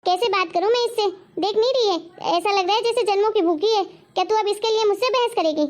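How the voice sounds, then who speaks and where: A woman's voice: extremely high pitch, quick pace. A woman playing a harsh, stingy mother-in-law who scolds and taunts her daughter-in-law in a homemade family drama. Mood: mocking. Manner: scolding, taunting, repeats demands. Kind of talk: homemade web-drama acting.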